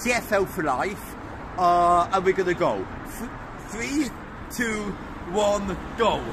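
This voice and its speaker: A man's voice: high voice, animated, slow pace. A man hosting a casual pub-crawl vlog, rambling and joking as he rates each pub after a long day of drinking. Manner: jokey, rambling, tipsy reviewing. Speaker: vlogger host. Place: busy London pubs and streets. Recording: loud crowd chatter behind. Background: pub crowd noise.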